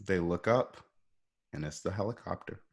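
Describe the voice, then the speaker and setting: Speaking at a moderate pace with a breathy edge, a man with a low voice reads stage directions for a radio play. The live table-read narration is relaxed and conversational, peppered with asides to listeners.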